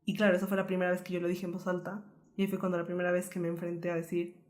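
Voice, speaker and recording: Fast-talking young woman telling a hard story. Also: fairly low pitch. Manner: earnest, fast-flowing, lively retelling. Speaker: podcast co-host sharing a personal story. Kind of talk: candid personal storytelling.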